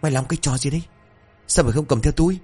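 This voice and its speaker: A man's voice: medium pitch, expressive, fast, slightly rough, faint music behind. A man voicing a short-tempered older gang boss who snaps and scolds. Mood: gruff. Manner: snapping, scolding.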